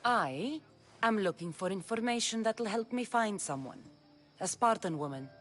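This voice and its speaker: A woman's voice: medium pitch, lively intonation, moderate pace, soft background music, lightly acted. An actress playing a dry-witted, blunt female warrior in a video game. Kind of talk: video game character dialogue.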